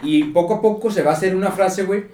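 A man's voice: sits high, quick pace, dark tone. A young man from Jalisco with a Mexican accent, rambling casually with friends on a podcast and packing his talk with slang fillers. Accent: Mexican Spanish, Jalisco. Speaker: podcast co-host. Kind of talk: casual chat among friends. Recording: echoey room with faint ambience.

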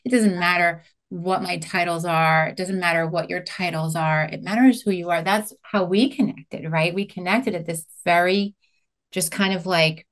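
Low-voiced woman podcast guest. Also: fairly even intonation, normal speed. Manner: reflective, earnest, checks in with "right?". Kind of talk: casual conversational interview.

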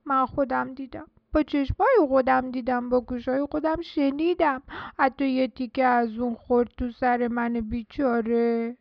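A woman voicing a frightened little chick in a children's storybook reading, high and anxious. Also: fairly even intonation, gravelly, no echo, muffled recording. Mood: frightened, insistent.

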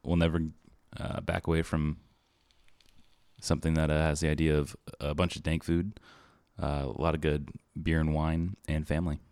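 A man's voice: very deep voice, level tone, normal speed, a little mellow, smooth, no room sound. A man chatting casually with friends as a podcast co-host, teasing in a laid-back, slangy, dry way.

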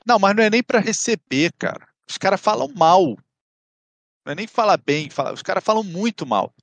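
A man's voice: high-pitched, lively intonation, a little fast, no echo. A man with a Rio Brazilian Portuguese accent in casual chat, blunt, sweary and complaining.

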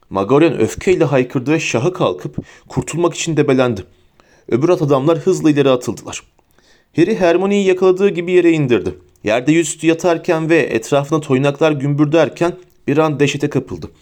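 Male audiobook narrator, slightly high voice, steady vivid storytelling. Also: normal speed. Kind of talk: storybook reading.

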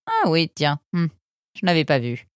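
A woman puts on an aging animal doctor for a storybook reading, a kindly male creature who sounds worn and reluctant. The voice sits lowish and is recorded dry and close. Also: huge pitch swings, moderate pace, smooth, no echo. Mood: weary kindly.

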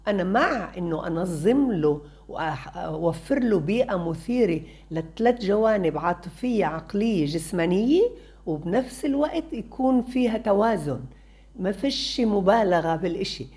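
A woman gives parenting advice in an expressive, emphatic monologue and repeats words for stress. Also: mid-range voice, moderate pace. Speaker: parenting consultant.

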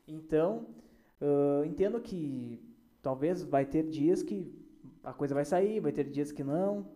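A man's voice: fairly high pitch, measured pace, dark tone. A man hosting a casual podcast, joking and playful with his friends. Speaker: podcast host. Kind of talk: casual chat.

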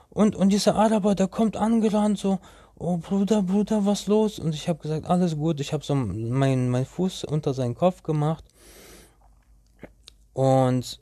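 A man's voice: a little high, dark tone, no room sound, studio quality. A young man telling a story to his viewers in a casual, rambling way, full of slang and restarts.

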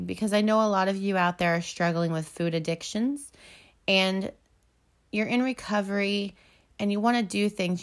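A woman's voice: mid-range voice, gravelly. A young woman hosting a casual motivational talk, earnest and chatty, with many fillers and restarts, slightly out of breath. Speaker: host.

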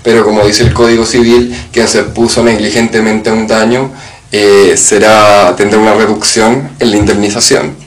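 Young Chilean man, podcast co-host, slangy and animated storyteller, roomy sound. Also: lowish voice, normal speed, distant mic. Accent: Chilean Spanish. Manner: storytelling, slangy, swings into loud imitations. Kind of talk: casual chat. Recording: echoey room.

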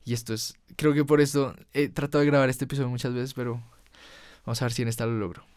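A man's voice: mid-range voice, fairly even intonation, fast, darkish tone, clean tone, dry recording, studio quality. A young man delivering an emotional personal monologue as a podcast host, earnest, with his voice climbing when he recalls his anger.

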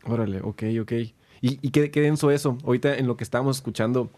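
Man, Mexican accent, podcast host, curious questions, medium pitch. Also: fast talker, darkish tone. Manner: curious, asks open questions. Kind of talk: casual interview.

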